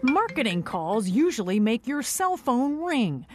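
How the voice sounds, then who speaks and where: Woman reporter with a lively, high-ish voice. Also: measured pace, music in the background. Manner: crisp, explanatory reporter delivery. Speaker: news correspondent. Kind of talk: scripted news report.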